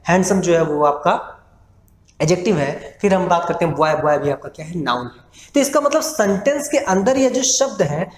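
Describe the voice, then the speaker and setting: A male teacher giving an online English grammar lecture in Hindi. He asks his class questions and then answers them himself. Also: high voice. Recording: echoey room with faint noise.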